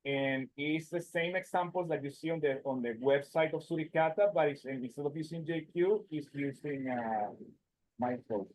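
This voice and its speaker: A man giving a live tech demo on a video call, his voice muffled as if through a wall, halting and restarting his words. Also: a little high, a little mellow. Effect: muffled, as if heard through a wall. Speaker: presenter.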